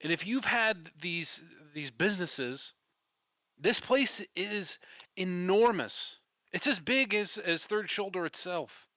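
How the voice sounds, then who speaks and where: A man voicing an anxious woman tinkerer who shies from conflict, speaking in a soft, hesitant, apologetic way in his own voice. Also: high-pitched, lively intonation, slow, no echo, pitched above the performer's own voice, full character voice. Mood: apologetic, earnest.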